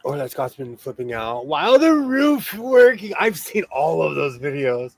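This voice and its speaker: A middle-aged American man hosts a casual sewing live stream from home, chatty and self-deprecating, laughing often. His voice is fairly high with big pitch swings, his pace is measured, and the recording has no echo.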